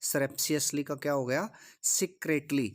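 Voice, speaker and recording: A man's voice: fairly high pitch, fairly even intonation, slow pace. A man teaching English vocabulary in Hindi. He repeats each word and its meaning and asks rhetorical questions as he drills the list. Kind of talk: vocabulary lesson.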